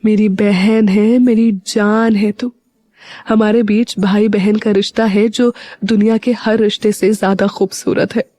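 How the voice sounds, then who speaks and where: A woman's voice: a little high, expressive, moderate pace, darkish tone, dry recording, lightly acted. Woman doing a teasing big brother. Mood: tender. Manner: teasing, fond. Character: teasing protective older brother, young man.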